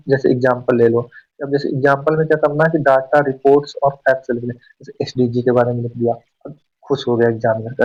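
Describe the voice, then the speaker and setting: A man gives a quick, informal exam-prep lesson, often putting a question and then answering it himself. He sits a little back from the mic, and the recording sounds muffled and lo-fi. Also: mid-range voice, darkish tone. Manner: fast, chatty, often asks and answers own questions. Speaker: exam coaching teacher. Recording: dull, slightly distant mic.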